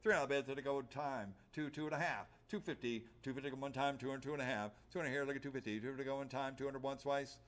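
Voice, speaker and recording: A man runs a live auction as the auctioneer. He chants bids in a rhythmic patter, repeating numbers and stock phrases over and over. His pitch sits in an ordinary middle range for a man. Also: fast, hardly any pauses.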